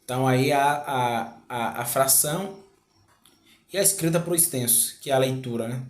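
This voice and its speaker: A man teaching a grammar lesson, explaining slowly, repeating words and asking rhetorical questions. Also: mid-range voice. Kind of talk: grammar lecture. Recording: echoey room.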